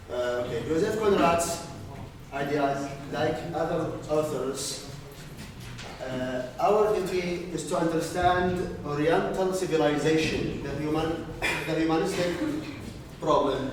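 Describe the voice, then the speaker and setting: A man's voice: a little high, slight background noise. A male student from Iraq presenting in class, reading from notes with filler words. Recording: echoey classroom from far off.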